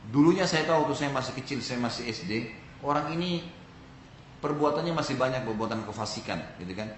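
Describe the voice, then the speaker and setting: A man's voice: medium pitch, animated, fairly quick. Indonesian guy preaching, storytelling to the crowd, roomy echo, faint hum behind. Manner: storytelling, addresses audience directly. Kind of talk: Islamic sermon.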